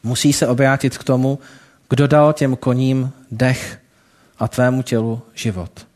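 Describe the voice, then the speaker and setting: A man reading a calm wise old man. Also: medium pitch, natural voice. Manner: calm, gentle questioning.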